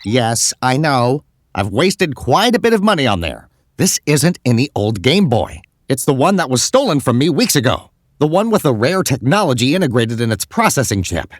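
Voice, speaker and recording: A man's voice: mid-range voice, big pitch swings, moderate pace, no echo, voice pushed up. A man voicing an earnest male alien gamer who explains things eagerly.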